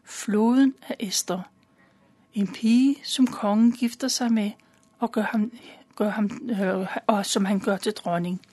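Breathy and husky, a mid-range female voice relates a Bible story using uncomplicated words. She sticks to a calm, steady narrative pace, only sometimes dropping in a minor filler.

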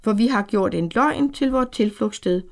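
A woman's voice: mid-range voice, expressive, natural voice. Woman reading as a stern prophet of doom. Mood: solemn. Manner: solemn, firm, proclaiming.

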